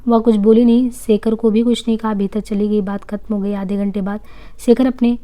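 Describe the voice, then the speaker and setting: A woman reading a novel aloud at a steady pace, sometimes slipping and restarting a phrase. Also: fairly high pitch. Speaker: reader.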